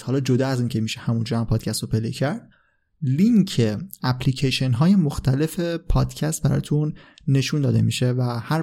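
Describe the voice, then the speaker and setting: Warm and mellow, with an ordinary mid-range pitch, a man hosts a podcast and explains things casually. He speaks unscripted, lingering on fillers and correcting himself as he talks.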